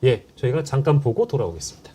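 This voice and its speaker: A man's voice: mid-range voice, very animated, fast, dark tone, breathy edge. A male host running a casual chat, joking and laughing along with his guest. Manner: chatty, laughs along, hedging fillers.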